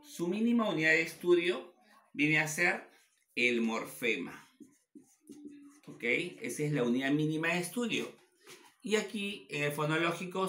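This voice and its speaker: Male teacher lecturing at the board, talks slow, kinda high voice, asks stuff then answers it himself, echoey classroom. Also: bright, forceful tone. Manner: asks questions and answers them himself, spells out slowly.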